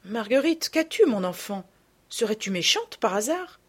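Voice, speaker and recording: Storybook role: a woman playing a refined noblewoman and mother, calm, tender and polite. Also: on the high side, normal speed, slightly rough.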